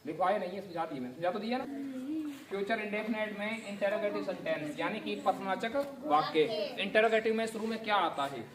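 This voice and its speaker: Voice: medium pitch, fairly quick, far from the mic. A teacher runs a grammar lesson, spelling each word out and firing questions at the class. The voice sits back from the mic in an echoey classroom, with a crowd of students chiming in behind. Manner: spells words letter by letter and quizzes the class. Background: class of students answering.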